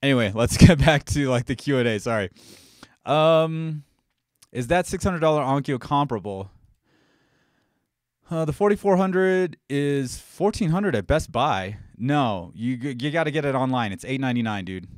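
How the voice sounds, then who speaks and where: A man's voice: mid-range voice, expressive, normal speed, no room sound, clean studio sound. A man hosting a live-stream Q&A, chatting loosely and getting heated and swearing as he rambles. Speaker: host.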